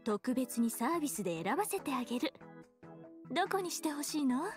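Natsumi, high-voiced flirty anime temptress. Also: female voice, big pitch swings, quick pace, faint music behind. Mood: flirty teasing. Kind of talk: Japanese visual novel voice acting.

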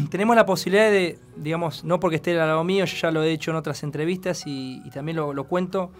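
A man's voice: a little high, fast talker. An Argentine-accented man talks as a guest in a casual radio interview, earnest and wordy, on a close studio mic. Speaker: guest musician. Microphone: close studio microphone. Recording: faint music behind.

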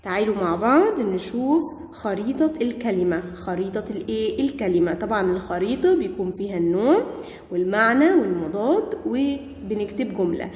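A woman's voice: medium pitch, expressive, brisk, a little mellow. A woman with an Egyptian Arabic accent teaching primary school grammar, asking questions and praising her pupils. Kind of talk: classroom grammar lesson. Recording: echoey room with long reverb.

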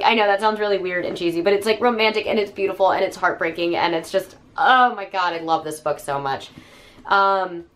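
A woman's voice: lowish voice, slight background noise. A young woman with a cold, talking enthusiastically in a casual book review vlog, with many fillers. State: hoarse from a cold.

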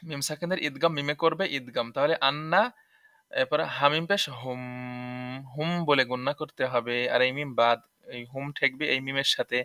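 A man's voice: mid-range voice, sharp tone, smooth, no room sound, studio quality. A man teaching tajweed rules, explaining patiently and repeating each point to check understanding. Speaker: Quran recitation teacher.

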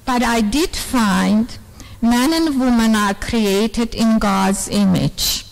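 In a fairly high voice with vocal fry, an older woman from Serbia slowly addresses a women's conference in a large hall. She tells her story earnestly in non-native English, speaking into a microphone on a stand at the lectern.

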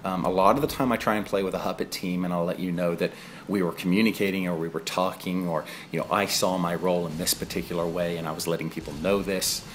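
Speaking quickly in a deep voice with fairly even intonation, a thirty-something man who grew up in England offers loose, digressive commentary on his own gameplay, sprinkled with chatty asides. There's slight background noise.

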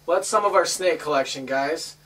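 A woman's voice: sits low, a little fast, slightly rough. A woman hosting a casual family home video, chatting upbeat and coaxing the kids along as she shows things off. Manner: upbeat, coaxing the children on camera. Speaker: host showing a family snake collection. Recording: distant home camera audio, light hiss.

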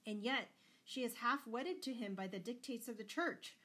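Jolly fat friar for a storybook tale, performed by a woman: impudent, unruffled, calmly making his point. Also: fairly high pitch, moderate pace, slightly rough, voice pushed up, full character voice. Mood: calm, assured. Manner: calm, jovial, pointed. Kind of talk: dramatised storybook reading.

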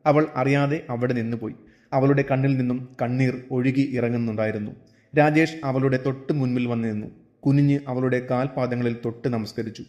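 A man narrating a serialized novel in a steady storybook reading. His voice sits at an ordinary middle pitch for a man. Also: fairly quick.

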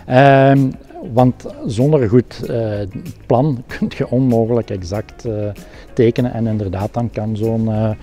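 A man's voice: mid-range voice, fairly even intonation, unhurried, dark tone, faint music behind. A middle-aged man with a Flemish accent, a technical production director explaining his work in a practical, hesitant way with many fillers.

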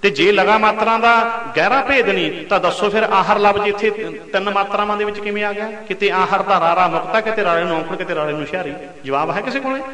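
A man giving a Sikh katha sermon, chanting scripture lines slowly and then explaining them with quick rhetorical questions. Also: high voice, bright, forceful tone. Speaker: Sikh preacher. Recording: echoey hall with long reverb.

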